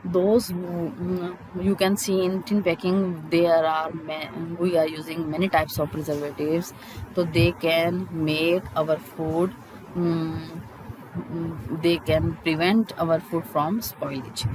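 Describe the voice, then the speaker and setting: A chemistry teacher explains textbook points in a halting way, repeating key terms as in a school lesson. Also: mid-range voice, little pitch movement, background noise.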